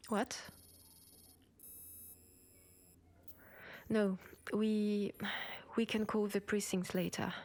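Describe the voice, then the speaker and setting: Speaking softly and breathily with a French accent, a woman plays an ambitious, protective cyberpunk cop who is senior partner to a rookie. It's an intimate sci-fi audio roleplay where only her side of the dialogue is heard. Her pitch is medium and her mood grave and secretive.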